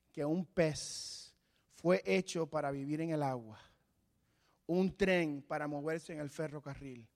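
A man preaching a sermon as pastor, dynamic and acting out voices of imagined people. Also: fairly high pitch. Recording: long hall reverb.

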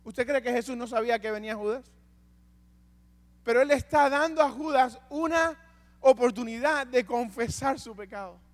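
A man preaching a sermon, asking the congregation rhetorical questions and swinging between loud passages and hushed ones. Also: very high voice, moderate pace, long reverb tail.

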